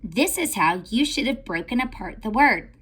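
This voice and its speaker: A woman teaching a recorded phonics lesson to young children in an animated, sing-song teacher voice. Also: fairly high pitch, moderate pace, husky. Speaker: elementary school teacher.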